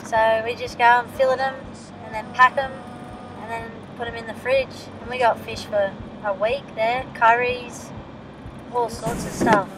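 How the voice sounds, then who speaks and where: A woman's voice: a little high, flat delivery, measured pace, heavy background noise. A young woman talking casually and easily about their trip and the food they catch. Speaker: vlogger on a fishing trip. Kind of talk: casual travel talk.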